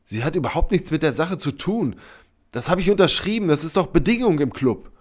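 A man's voice: on the high side, expressive, fairly quick, voice pushed up. A man voicing a bewildered, anxious man in a read-aloud story, his voice pushed up and tense. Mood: panicked. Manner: tense and pleading.

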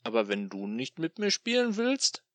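A man voicing a sadistic, mocking male machine demon in an audio drama, taunting in a drawn-out, sing-song way. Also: medium pitch, wildly swooping pitch, dry recording, voice pushed up.

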